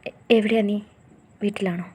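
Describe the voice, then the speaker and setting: Gentle young man, auto driver, quiet reassuring voice, mellow, voiced by a woman. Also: mid-range voice, fairly even intonation, moderate pace, husky, lightly acted. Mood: worried.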